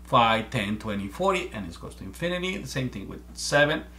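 An amateur math presenter, a man in his forties from Mexico, works through math step by step for a webcam indoors in a small room at home, speaking with a heavy Mexican Spanish accent. His mid-range voice is very animated, a little fast, bright and forceful. Earnest, he repeats words while thinking.

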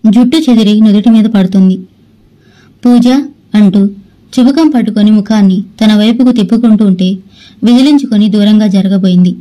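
A woman's voice: mid-range voice, mellow, low-quality recording. A woman narrating a novel aloud as an audiobook, reading steadily and with expression. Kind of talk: storybook narration reading all parts.

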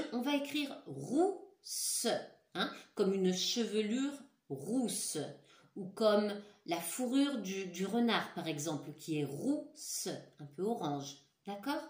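A woman's voice: medium pitch, animated, slow pace. A woman teacher leading a dictation for young children, patient, repeating and stretching each word. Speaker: schoolteacher. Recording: echoey room.

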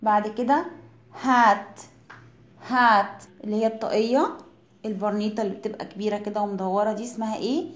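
A woman with an Egyptian accent teaching English words to children, saying each word slowly and repeating it for pronunciation. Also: mid-range voice, fairly even intonation, echoey room. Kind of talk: slow vocabulary lesson for children.

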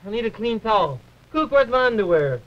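A man's voice: high-pitched, sing-song, a little fast, fairly bright tone. A man voicing a fussy, bossy male dragon puppet on a 1950s live TV puppet show, fretting and sighing as he orders others about. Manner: fussy, fretful, bossy, full of oohs and sighs. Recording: dull early-1950s TV audio.

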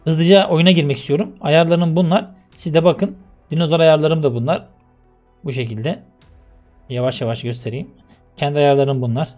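A young man with a high voice talks loosely and directly to his viewers, like friends, winding through a long story before showing his game settings. Faint music sits under his casual gamer chat. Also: fairly even intonation, normal speed, darkish tone. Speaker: gaming YouTuber. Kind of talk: casual let's-play chat.

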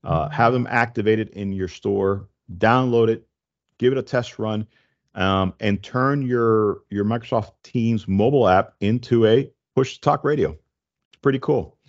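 Speaking close to a desk microphone with headphones, a middle-aged man hosts a laid-back tech podcast and explains things conversationally. His voice is lowish and unhurried, and the audio sounds dull.

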